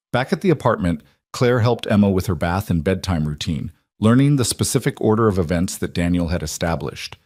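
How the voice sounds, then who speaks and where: Low-voiced man narrating a story, measured, dry close sound. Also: darkish tone, dry recording. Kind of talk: scripted narration.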